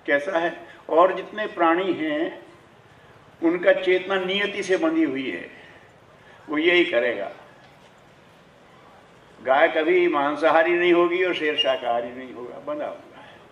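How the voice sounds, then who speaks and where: A man giving a lively spiritual discourse, asking rhetorical questions and chuckling as he makes his points, speaking through a microphone and loudspeaker to an audience. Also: a little high, muffled recording. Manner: chuckles while making points. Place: ceremony hall with audience. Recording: echoey hall, heard from a distance.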